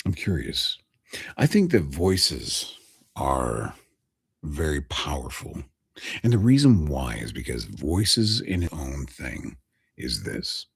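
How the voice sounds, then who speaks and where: A voice actor hosts a casual live stream, chatting with viewers in a deep, gravelly voice. His very animated delivery is slow and dramatic, dropping to a whisper, with studio-quality sound and no echo.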